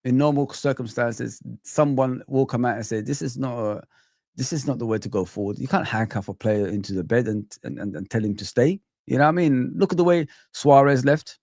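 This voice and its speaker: A man from Saudi Arabia co-hosting a casual football chat stream, talking in an animated, emphatic way and repeating himself. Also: medium pitch, no echo, clean studio sound. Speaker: co-host.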